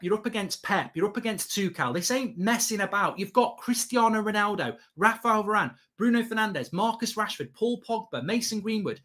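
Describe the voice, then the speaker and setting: Sharp, forceful football fan host ranting. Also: male voice, high-pitched. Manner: exasperated, emphatic, repetitive, swearing. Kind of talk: live match reaction rant. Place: small indoor studio set at a desk.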